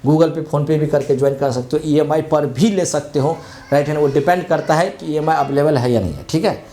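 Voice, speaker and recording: A man's voice: a little high, fairly quick, mellow, faint music behind. A man teaching an online exam-prep lesson in a chatty, conversational way, mixing English words into his Hindi and repeating tag phrases.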